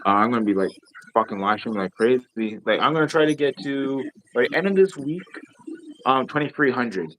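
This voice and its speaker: A man's voice: mid-range voice, lively intonation, a little fast, fairly bright tone, slight background noise. A man live streaming in casual chat, rambling and swearing freely with lots of filler phrases.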